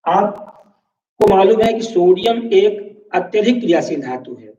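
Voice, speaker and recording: A man's voice: high voice, animated, slow pace, mellow. A male chemistry teacher giving a classroom lecture, explaining step by step, asking questions and answering them himself, and often checking that the class follows. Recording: echoey room, distant mic, dull lo-fi sound.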